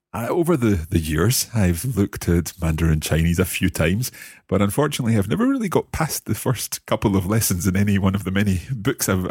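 A man with a deep, slightly husky voice hosts a language lesson. His pitch moves about a lot as he asks questions and repeats new words with care. The sound is dry and close. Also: darkish tone, dry recording. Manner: curious, carefully repeats words. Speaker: host and learner.

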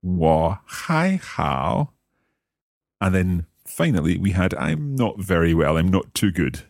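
A man's voice: deep voice, lively intonation, moderate pace, gravelly, a little mellow, no room sound, clean studio sound. A man hosting a language lesson as the learner, asking curious questions and carefully repeating words after his teacher. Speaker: host and learner.

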